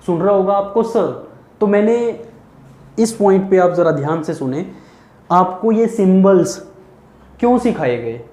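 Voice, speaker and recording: In a Hindi-language lesson, a man teaches English pronunciation, slowly and repetitively drilling each word and asking questions he then answers himself. His voice sits high, animated and slightly mellow, in an echoey room.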